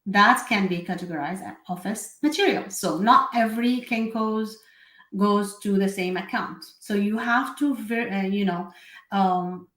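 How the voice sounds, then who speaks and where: A woman's voice: medium pitch, unhurried, a bit bright. Chatty woman from Syria, echoey room. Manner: chatty, with many fillers and self-corrections. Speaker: bookkeeping and tax host. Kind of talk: casual live explainer.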